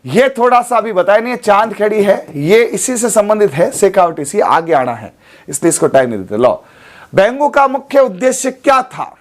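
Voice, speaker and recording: A man teaching an exam-prep class, hoarse from a sore throat, quizzing students and repeating memory tricks. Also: high voice, very animated, moderate pace. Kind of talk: animated online exam lesson.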